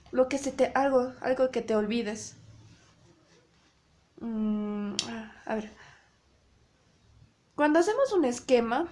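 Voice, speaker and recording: Slow, hesitant young woman presenting. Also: high-pitched, a little mellow. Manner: hesitant, self-correcting, searching for words. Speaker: student presenter. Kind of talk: class presentation on public speaking.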